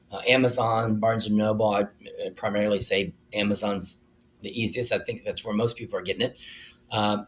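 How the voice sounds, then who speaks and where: Low-voiced man, a guest author. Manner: measured, halting with fillers. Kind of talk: interview answers.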